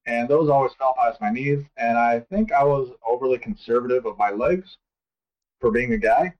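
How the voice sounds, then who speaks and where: A man co-hosting a podcast, telling a story in a relaxed way with hesitant fillers. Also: mid-range voice. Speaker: podcast co-host. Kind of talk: casual chat. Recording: distant, dull lo-fi sound.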